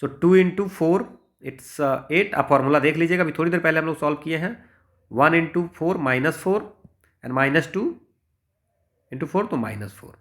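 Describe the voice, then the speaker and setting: A man with an Indian accent tutors maths informally for exam prep, working through problems step by step and frequently adding tags to check in with the listener. His voice is on the high side, expressive and a bit bright, and he talks a little slowly.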